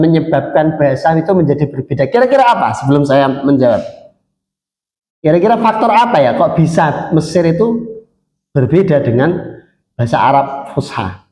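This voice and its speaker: Male lecturer, somewhat raised pitch, questions the class as he teaches; roomy classroom sound. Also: mellow. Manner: mixes Arabic phrases into Indonesian, asks the class questions.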